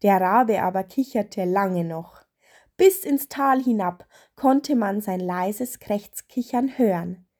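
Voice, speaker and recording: Unhurried woman reading a children's story. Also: medium pitch, a little mellow. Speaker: narrator.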